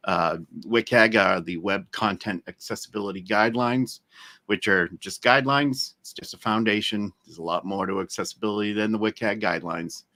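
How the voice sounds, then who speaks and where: Deep bright-voiced man explaining. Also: fairly even intonation, moderate pace. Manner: explaining, hesitant with fillers. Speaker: guest, accessibility expert. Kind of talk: casual chat on a live stream.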